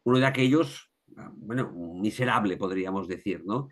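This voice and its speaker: A man's voice: fairly low pitch, moderate pace. A man with a Catalan accent, an author talking through his research in a casual interview, thoughtful and full of restarts and tag questions. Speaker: author, guest.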